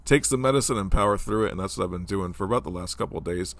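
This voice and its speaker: A man in his forties hosts a casual solo podcast, rambling conversationally with plenty of fillers, his voice stuffed up from a cold. He talks rapid-fire in a low, slightly bright voice.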